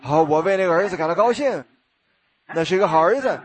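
A man's voice: high-pitched, animated, quick pace. A man voicing a heavenly father who speaks approvingly of his son. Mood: pleased.

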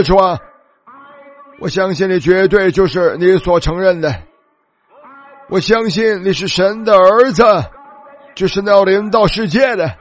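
A man preaching a fervent sermon, retelling scripture scenes and rising to shouts. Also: sits high.

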